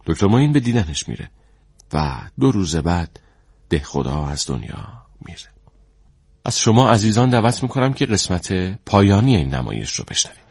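Lively low-voiced male radio narrator. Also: no room sound, clean studio sound. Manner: formal, measured. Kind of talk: scripted narration.

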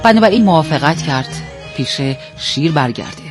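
A man telling a fable in an animated way, addressing his listeners directly. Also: fairly high pitch, over music. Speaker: storyteller.

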